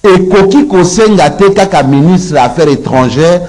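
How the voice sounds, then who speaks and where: A man's voice: sits high, expressive, normal speed, darkish tone, rough recording. A Congolese man giving his views as a guest on a political talk show, mixing Lingala and French, emphatic and repetitive when he lists his points. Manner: switches between Lingala and French. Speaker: guest commentator.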